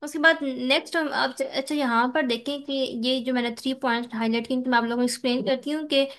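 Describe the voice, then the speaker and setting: A woman with a Pakistani accent teaching a lecture. She explains from a text in Hindi-Urdu mixed with English terms, reads English lines slowly, and often checks in with "theek hai". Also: high-pitched, fairly even intonation, fairly bright tone.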